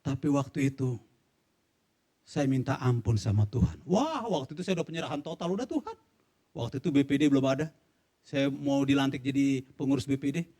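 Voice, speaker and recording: A man's voice: mid-range voice, expressive, a little fast, dark tone. A middle-aged male pastor preaching emphatically to his church, repeating phrases for stress. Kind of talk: sermon with personal testimony. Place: church hall.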